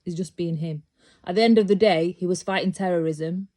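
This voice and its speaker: With a lowish, darkish voice and a slightly fast delivery, a British vlogger rambles casually to camera about her views. She restarts many times and becomes increasingly emphatic and insistent as she makes her case.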